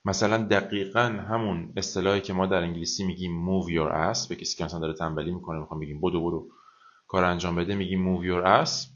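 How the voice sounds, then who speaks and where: A man teaching a live online vocabulary lesson, chatting in Persian and slowly repeating phrases for pronunciation practice. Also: low voice, fairly even intonation, fairly bright tone, highs cut off. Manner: slow, careful pronunciation drills, repeating each phrase; explains in conversational Persian, mixing French and English phrases. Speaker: French teacher.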